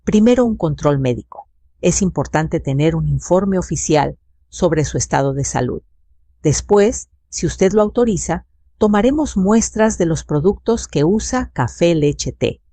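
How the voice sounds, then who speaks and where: An older woman voicing a calm, formal female health investigator who speaks in measured, procedural terms. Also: on the low side, no room sound.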